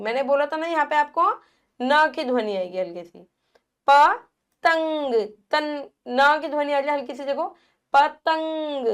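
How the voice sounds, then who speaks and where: A woman teacher with a high voice walks young children through a grammar lesson. She talks slowly and stretches each syllable as she sounds it out. She keeps asking a question and then giving the answer herself. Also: fairly bright tone. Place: classroom. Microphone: device at a smart screen.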